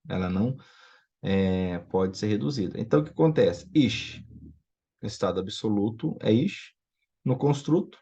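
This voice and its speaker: A Biblical Hebrew teacher with a medium-pitched, slightly mellow, husky voice teaches a recorded online lesson. He explains patiently and checks in with his students often. The recording sounds dull and lo-fi.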